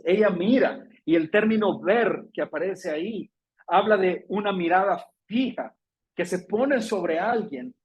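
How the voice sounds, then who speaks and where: A husky-voiced man, a pastor with a Salvadoran Spanish accent, gives an emotional, fervent sermon in a church, recorded with poor audio. He's animated, acting out scripture quotes and jumping into sudden high-pitched exclamations.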